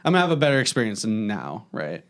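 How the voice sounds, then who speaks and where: A man co-hosting a podcast in casual chat, halting and hesitant. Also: fairly low pitch, very animated. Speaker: podcast co-host.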